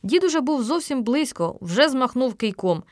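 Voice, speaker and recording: A woman narrating a children's story aloud, lively and acting out the characters. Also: high voice, normal speed, no room sound, studio quality.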